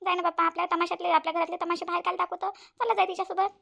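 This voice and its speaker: A woman's voice: extremely high pitch, level tone, very fast, gravelly, a bit bright, exaggerated voice. Woman voicing a sly old mother-in-law. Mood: coaxing. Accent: Vidarbha Marathi. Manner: gossipy, plaintive, then gloating. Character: scheming older village mother-in-law, sly. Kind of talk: cartoon voice acting.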